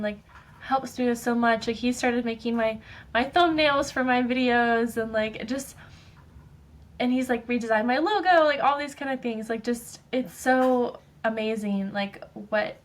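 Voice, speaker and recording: A woman hosting her own show, talking casually and emphatically in a personal monologue, filling her speech with "like" and "um". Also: fairly high pitch. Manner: chatty, fills speech with "like" and "um"; emphatic, ranting. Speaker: podcast host.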